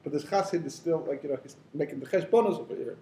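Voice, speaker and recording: Rabbi giving a conversational Torah lecture. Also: male voice, on the high side, quick pace, dark tone, echoey room. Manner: conversational, storytelling, many fillers and asides. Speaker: rabbi teaching the weekly Torah portion.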